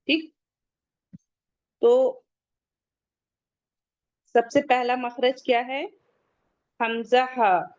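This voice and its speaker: Woman teacher, online class, fairly high voice, patient and repetitive, muffled lo-fi call audio. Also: steady tone, pauses often, a little mellow. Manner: patient, repeats key points for students to memorize. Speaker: Quran recitation teacher. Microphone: video call.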